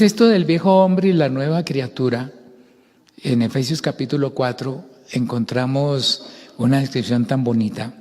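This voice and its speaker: An older man with a Bogotá accent preaching a sermon, expressive, acting out voices and shouts. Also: mid-range voice, husky, big-room sound. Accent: Colombian, Bogotá.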